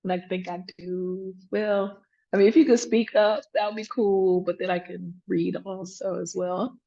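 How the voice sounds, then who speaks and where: A woman's voice: mid-range voice, steady tone, normal speed, vocal fry, warm tone, highs cut off. A woman leading a laid-back workshop, chatty, with lots of fillers and restarts. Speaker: workshop presenter, emergency physician.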